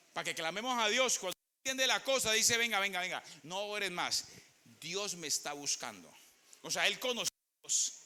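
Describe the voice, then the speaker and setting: A man's voice: high voice, bright, forceful tone. A male pastor with a Colombian accent, preaching a sermon in church with dramatic storytelling, acting out the characters and putting questions to the congregation. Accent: Colombian Spanish.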